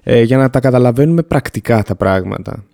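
A man's voice: mid-range voice, expressive, creaky, warm tone. A man teaching music theory in a casual podcast lesson, explaining in a plain, down-to-earth way and counting off notes and steps.

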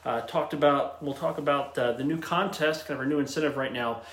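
A man in his late thirties hosts a casual talk show as a travel agent. He is chatty and upbeat, full of ums and restarts. His mid-pitched voice carries a noticeable room echo. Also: a little fast, fairly bright tone. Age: 30s. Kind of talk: casual solo livestream talk.

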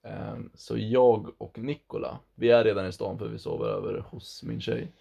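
Young male co-host, gravelly and husky, laid-back banter, dull lo-fi sound. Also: lowish voice, steady tone, dark tone. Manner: laid-back, argumentative, laughs often. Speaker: podcast co-host. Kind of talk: casual chat.

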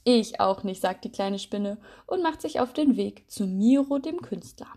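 Woman, storyteller, children's read-aloud, gentle, calm, mellow voice. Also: medium pitch, measured pace.

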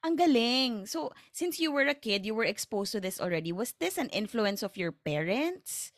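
A woman's voice: on the high side, big pitch swings, normal speed, no echo, studio quality. Chatty Filipino-accented woman host. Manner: chatty, playful, code-switching. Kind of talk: conversational interview.

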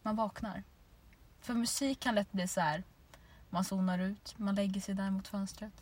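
A woman's voice: mid-range voice, steady tone, recorded from a distance. An eighteen-year-old woman from Sweden co-hosting a podcast in giggly, rambling casual chat. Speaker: podcast co-host.

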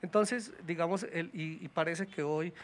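A man's voice: on the high side, unhurried. Hesitant man talking politics. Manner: hesitant, many restarts and fillers, critical. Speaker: political guest. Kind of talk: casual political talk.

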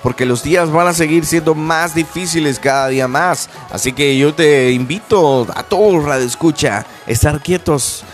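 Radio preacher exhorting listeners. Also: male voice, fairly high pitch, normal speed, few pauses, faint music behind. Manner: earnest, exhorting, direct address to listeners. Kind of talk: radio sermon.

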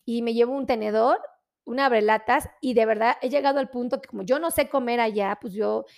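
A woman's voice: on the high side, fairly quick, vocal fry. A woman from Mexico hosting a casual live stream, chatty and exclamatory, greeting viewers by name. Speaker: livestream host greeting viewers.

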